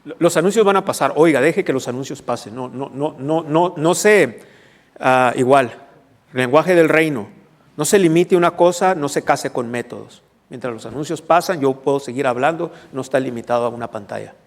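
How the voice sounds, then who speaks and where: A man preaches a teaching sermon at a middle pitch. He explains verses point by point and keeps checking that the congregation follows. His voice rings with the long reverb of a church hall. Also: normal speed. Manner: teaching, asks the congregation questions. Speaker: pastor.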